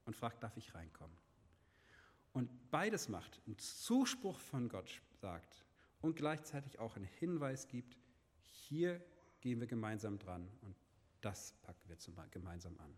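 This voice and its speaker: A man giving a sermon, asking his listeners questions and dropping to a soft, hushed voice when he speaks God's words. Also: mid-range voice, slightly rough, in a large hall. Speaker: preacher.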